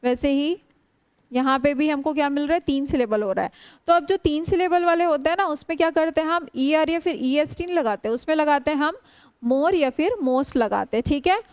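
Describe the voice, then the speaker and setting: A woman teaching English grammar in a classroom lecture, drawing out English words slowly and often putting questions to her students. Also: high voice, no room sound. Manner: slow, drawn-out spelling of English words; frequent rhetorical questions to students.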